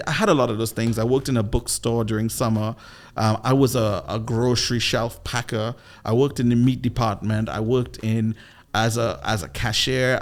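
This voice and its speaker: Animated Trinidadian man telling stories. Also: medium pitch. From Trinidad and Tobago. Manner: animated, playful, with lively voiced asides. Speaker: guest, entrepreneur and business coach. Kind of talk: casual interview storytelling.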